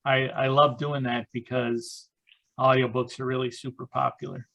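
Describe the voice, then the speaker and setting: A man chatting casually on a podcast, pausing often with "uh" and "um". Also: medium pitch, little pitch movement, vocal fry, a bit bright, poor audio. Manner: hesitant, many "uh" and "um" fillers. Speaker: podcast co-host and author. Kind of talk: casual chat.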